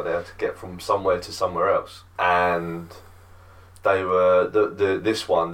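A man with a lowish voice hosts a casual podcast chat, wandering through a story and hunting for names as he goes. He swears freely. His voice sits a little back from the microphone. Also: recorded from a distance. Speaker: podcast host.

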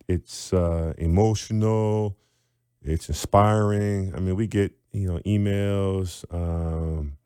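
Male teacher-author guest, animated explainer, low warm voice, dry close sound. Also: clean tone, no room sound. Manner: animated, demonstrates sounds aloud.

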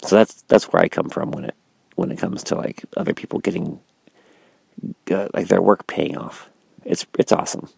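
A man's voice: low-pitched, steady tone, moderate pace, creaky, darkish tone, breathy edge, no room sound. A man, a stand-up comedian, talking casually to camera early in the morning, sleepy and yawning, rambling and reflecting on his night with lots of fillers and restarts. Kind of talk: casual vlog monologue.

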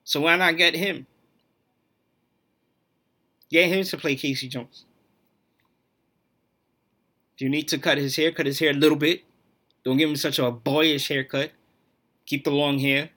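A man's voice: on the high side, steady tone, moderate pace, long pauses, sharp tone. A man hosting his own podcast, talking alone in a blunt, profane, opinionated rant. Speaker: podcast host.

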